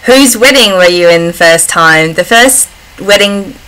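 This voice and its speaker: A woman with an Australian accent and a very bright, forward voice at an average pitch. She chats informally as a vlogger working through personal questions. Her delivery is giggly and self-interrupting. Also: animated, measured pace, clear, resonant tone, rough recording. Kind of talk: casual chat answering personal questions to camera.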